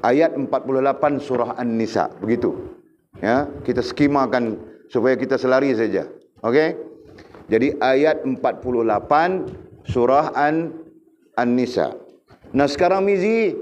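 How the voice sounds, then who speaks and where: A man's voice: medium pitch, a little mellow, muffled recording. A man teaching a religious lesson, sternly prodding his students to recite. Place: classroom.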